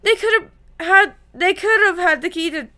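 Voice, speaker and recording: A woman's voice: extremely high pitch, moderate pace, pushed and bright, voice pushed up. A woman reading the lines of a hot-tempered, sarcastic teenage schoolboy. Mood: heated. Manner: sarcastic, hotheaded.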